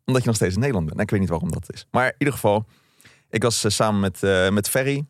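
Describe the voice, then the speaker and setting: A man co-hosting a podcast, telling stories in a relaxed, chatty way with the odd swear word. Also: fairly low pitch, very fast, no echo, clean studio sound. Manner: relaxed storytelling, mild swearing. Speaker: podcast co-host. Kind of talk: casual chat.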